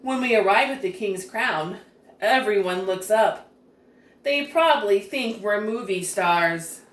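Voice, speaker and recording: In an unhurried, medium-pitched voice, a children's story reader performs a picture book with expressive, careful enunciation. A little hiss or hum sits under the sound, which is roomy and echoey from a far-off microphone.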